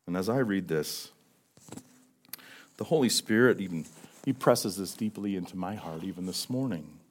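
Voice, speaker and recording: A man preaching a sermon as pastor, swinging between loud emphasis and hushed questions, with many rhetorical questions. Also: deep voice, animated, normal speed. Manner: repetitive rhetorical questions, frequent "right?".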